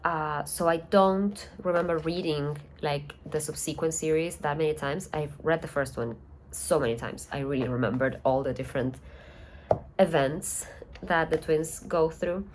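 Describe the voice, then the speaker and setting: A young woman chatting casually in a book vlog at home, thinking aloud and rambling with soft laughs. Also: deep voice, normal speed, a little hiss or hum. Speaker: book vlogger. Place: at home at night.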